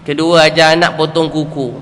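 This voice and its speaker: A man's voice: on the high side, flat delivery, normal speed, a bit bright. A middle-aged man with a Malaysian accent preaching a sermon to a congregation. He tells earnest stories, repeats key phrases and asks rhetorical questions. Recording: echoey hall, faint background noise.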